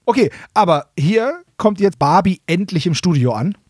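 A man with a high, expressive, darkish-toned voice talks at a moderate pace, co-hosting a podcast where he humorously recaps an audio drama. His chat is colloquial and jokey, peppered with short mock quotes, in a studio-quality recording without echo.

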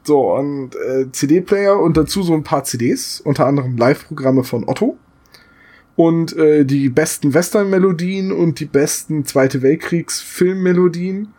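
Man, husky voice, fairly high pitch, casual podcast chat, storyteller. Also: unhurried, warm tone. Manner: chatty storyteller, retells jokes with amusement. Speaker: podcast co-host.

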